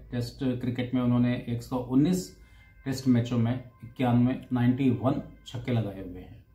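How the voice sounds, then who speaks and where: A man casually reading out cricket statistics, saying the numbers in both Hindi and English and pausing now and then over names and figures. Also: medium pitch, mellow, a little hiss or hum. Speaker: cricket stats presenter. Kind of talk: casual talk. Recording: roomy echo with faint ambience.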